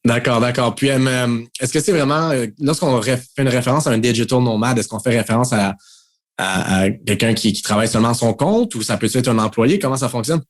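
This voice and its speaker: A man's voice: mid-range voice, brisk. A man with a Québécois accent hosting a casual podcast interview, friendly, with many fillers. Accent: Québécois French. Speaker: podcast host.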